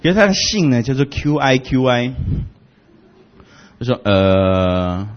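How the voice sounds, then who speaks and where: A man's voice: takes it slowly, dull audio. Guy, telling jokey mission stories, voice bouncing all over the place. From Taiwan. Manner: animated, jokey, big swings in pitch and loudness. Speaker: missionary giving a talk. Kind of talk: humorous storytelling talk.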